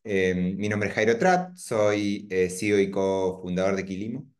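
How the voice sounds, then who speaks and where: Male webinar host, low voice, hesitant with "eh" fillers, video call. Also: moderate pace, darkish tone. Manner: hesitant, many "eh" fillers and restarts. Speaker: host and company founder. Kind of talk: webinar introduction.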